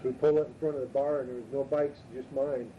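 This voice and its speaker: An older man telling rambling, profane stories from his past in a rough, casual way. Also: medium pitch, level tone, fast. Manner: rough, profane, drawling delivery. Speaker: storytelling father. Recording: muffled distant tape recording, faint hiss.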